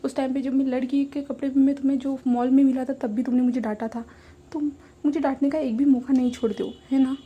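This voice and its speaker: Drunk whiny young man, a woman doing the voice, pouty and childish, soft dark tone. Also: high-pitched, brisk, dull audio, natural voice. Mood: pouting complaint. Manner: pouting, slurred and complaining.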